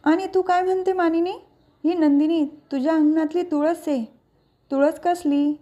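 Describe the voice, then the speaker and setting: A woman's voice: very high voice, steady tone, moderate pace, mellow, muffled recording. A woman voicing a scheming, spiteful middle-aged aunt from a family serial, speaking in a mocking, taunting way. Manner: sneering, mocking.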